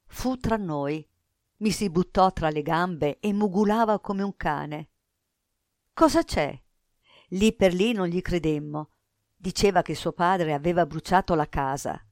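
A woman reading a novel aloud in a measured literary reading, slowing at pauses. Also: on the low side, a little mellow, dry recording, studio quality. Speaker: reader.

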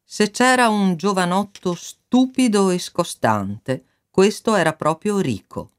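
An audiobook narrator reading a novel aloud in a measured storytelling manner. The voice moves over a wide, lively pitch range, lending shape to each sentence.

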